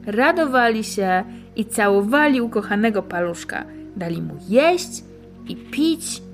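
Calm woman reading a fairy tale. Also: medium pitch, soft background music. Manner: calm, measured, gently instructive. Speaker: storyteller and spiritual teacher. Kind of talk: fairy-tale reading, then reflective commentary.

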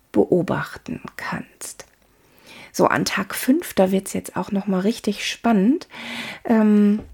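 Female coach, unhurried spoken lesson, gravelly, plenty of fillers. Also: medium pitch. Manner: calm, talks to the listener directly, many "ne?" tags and fillers. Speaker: body language coach. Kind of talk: spoken lesson on body language.

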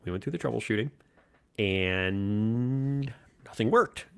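A man chats casually as a podcast co-host. He has a lowish voice and tells an anecdote with energy, slipping into the voices of the people he quotes. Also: takes it slowly, vocal fry, smooth. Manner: animated anecdote telling, acts out quoted voices. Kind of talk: casual storytelling chat.

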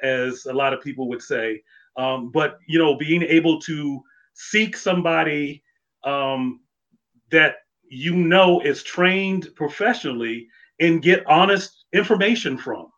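A former police officer, appearing as a guest, chats casually in a fairly high, fairly bright voice at a measured pace, with the highs cut off. He is reflective and thoughtful, and his speech is full of fillers and restarts.

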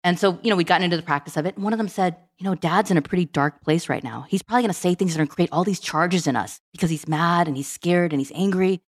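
A middle-aged woman speaks as a guest on an interview podcast. She talks quickly and tells her story in an animated way, acting out the lines of the people in it. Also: fairly low pitch. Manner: fast, animated storytelling with quoted dialogue. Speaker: guest, program management director.

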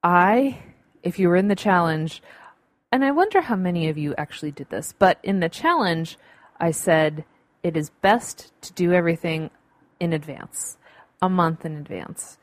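A woman's voice: on the low side, moderate pace, no room sound. A woman hosting a solo podcast, giving casual advice in an upbeat, chatty, emphatic way. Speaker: podcast host. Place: home room with windows open.

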